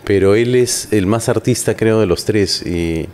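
A man hosting an interview, conversational, with quick short acknowledgements. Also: on the low side, a little mellow. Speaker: host. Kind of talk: casual interview.

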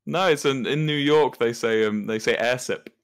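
A man's voice: mid-range voice, moderate pace, smooth. A young man with an English accent, a guest chatting casually from an office building, playful, laughing and swearing freely. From England. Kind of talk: casual interview chat.

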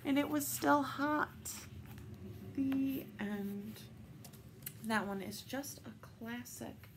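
Slow expressive woman reading storybooks aloud. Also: high voice, gravelly, noisy background. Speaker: storytime reader. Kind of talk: reading picture books aloud.

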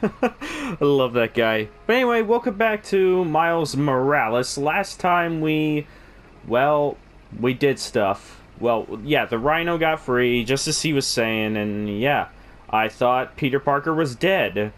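A man doing casual, jokey let's play commentary, reacting out loud to a video game. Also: medium pitch, expressive, takes it slowly. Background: video game audio and music.

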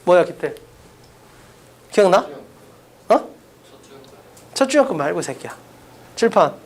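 An English teacher lectures his class slowly, his pitch swinging widely up and down. Blunt and casual, he calls on students by name to quiz them during the classroom lesson.

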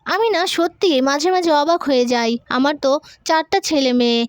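Exasperated father, as a woman reads him, high voice. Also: normal speed, no room sound, studio quality, close to an everyday voice. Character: angry middle-aged father rebuking his daughter.

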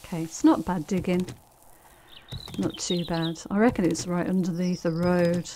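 A woman's voice: on the low side, fairly even intonation, moderate pace, dark tone, slight background noise. A woman giving casual let's-play commentary, chatty and thinking aloud with dry little asides.

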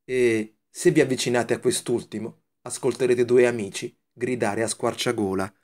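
A man narrating a children's storybook in a calm, even storytelling delivery. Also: mid-range voice, moderate pace.

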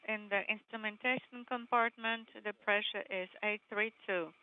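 A woman's voice: mid-range voice, steady tone, moderate pace. Woman interpreting over a tinny phone-like line. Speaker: interpreter of space radio traffic. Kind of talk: halting live interpreting of technical exchanges.

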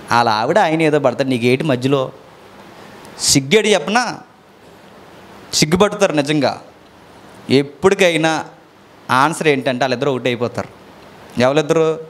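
A middle-aged man preaching a family sermon, his fairly high voice climbing loud and emphatic and then dropping to low, quiet asides. He keeps putting questions to his listeners. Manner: asks the listeners questions often.

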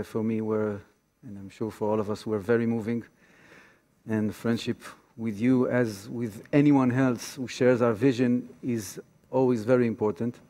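An Israeli man from Tel Aviv, an activist appearing as a guest lecturer, speaks haltingly in a medium, slightly mellow voice. He gives an informal public lecture woven with personal stories, standing on stage in a large theater auditorium whose hall is reverberant.

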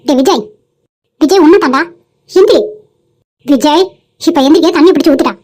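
A woman's voice: sits high, moderate pace, warm tone, lightly acted. A woman voicing an irritated middle-aged mother who scolds her son and husband sharply. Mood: scolding.

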